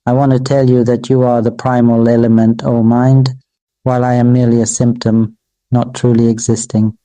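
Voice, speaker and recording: He calls his own voice "Mister Voice" while giving a dharma sermon as a Buddhist monk, speaking slowly in measured, repeated phrases like an incantation. The delivery is flat, the voice very dark and mellow and nearly level in pitch, and the recording is close and dry without room echo.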